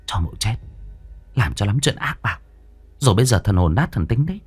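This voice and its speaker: A man doing a soft-spoken young servant girl. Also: on the low side, big pitch swings, brisk, husky, soft background music. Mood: muttering. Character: young servant girl, wry and quietly defiant.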